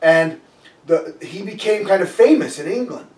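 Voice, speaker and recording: A man's voice: high voice, expressive, moderate pace, a little mellow. A man giving a conversational sermon, telling a story in a loose way and often restarting his sentences. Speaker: preacher. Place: church sanctuary. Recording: echoey room, voice a bit far from the mic.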